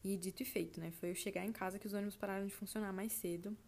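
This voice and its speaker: Racing along in a mid-range, creaky, slightly mellow voice with fairly even intonation, a Brazilian podcast host turning 20 describes her trip. She's chatty and full of fillers like "tipo assim," addressing her audience as "gente."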